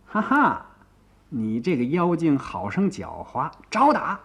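A man voicing a hot-tempered monkey warrior who shouts and laughs boldly. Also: a little high, wildly swooping pitch, takes it slowly, vocal fry, breathy edge, exaggerated voice. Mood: angry. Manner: shouting, impatient, boastful. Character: hot-tempered young male monkey hero.

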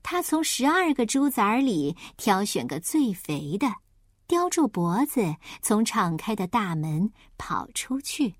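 A woman narrating a children's storybook aloud with lively, expressive storytelling. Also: mid-range voice, unhurried, no echo, clean studio sound. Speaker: storybook reader.

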